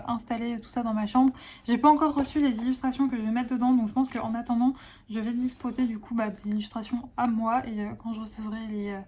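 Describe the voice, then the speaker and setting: A woman with a rather high, mellow voice talks casually to her viewers about pieces she drew herself. She gushes with affection and piles on sweet little words, with frequent hesitations and fillers. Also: slight background noise. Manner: gushing and affectionate, full of diminutives and fillers. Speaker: illustrator presenting her own collection. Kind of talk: casual vlog chat.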